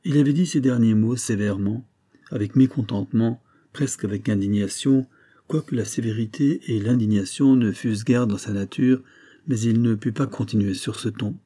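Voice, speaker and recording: A man narrating a classic novel in a measured, even reading style. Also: fairly low pitch. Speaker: audiobook narrator.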